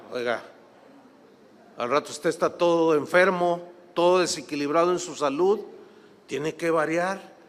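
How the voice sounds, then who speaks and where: A man preaching a sermon, telling a story with lively acted-out voices. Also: high-pitched. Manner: animated, acts out quoted voices, laughs while telling. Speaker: pastor. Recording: long hall reverb.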